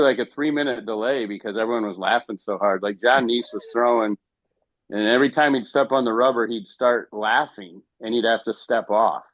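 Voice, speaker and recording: A man, a former high school baseball coach, telling stories casually on a podcast and acting out what others said. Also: dry recording, narrow, tinny audio. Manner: animated, quotes others in his stories.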